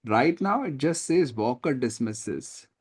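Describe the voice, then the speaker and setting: This test prep tutor has a mid-range voice with a breathy edge and speaks slowly. Teaching online over a video call in an Indian English accent, he is lively and questioning, often confirming that students understand.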